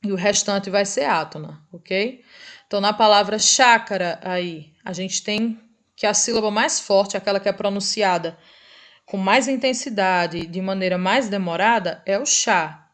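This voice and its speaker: A woman teacher with a Brazilian Portuguese accent giving a recorded review lesson, patient, checking in often with short tag questions and drawing out example words slowly. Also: mid-range voice.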